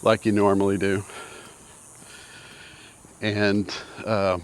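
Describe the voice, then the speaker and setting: A man's voice: lowish voice, monotone, takes it slowly, a little hiss or hum. A man in his sixties telling a personal story in a casual, rambling way, out of breath and often repeating himself. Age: 60s. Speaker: vlogger. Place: outdoors with mountains in view.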